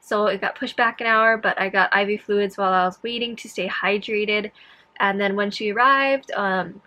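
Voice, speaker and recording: A woman's voice: mid-range voice, moderate pace, bright, forceful tone. A young woman vlogging casually in a scattered, self-interrupting way, with a sore throat after tonsil surgery that makes some words hard to pronounce. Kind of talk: casual personal vlog, chatty recounting.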